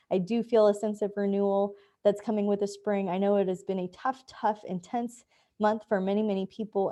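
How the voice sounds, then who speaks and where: A woman's voice: mid-range voice, dark tone. A woman astrologer giving a casual, chatty monthly forecast, upbeat and full of fillers.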